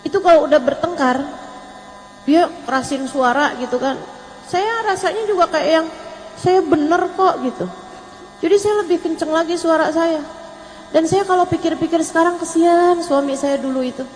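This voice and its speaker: A woman's voice: very high voice, moderate pace, darkish tone. A woman preacher giving a sermon, telling stories in a casual, humorous, colloquial way. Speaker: preacher (ustazah). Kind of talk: sermon to a religious gathering. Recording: long hall reverb with faint mains hum.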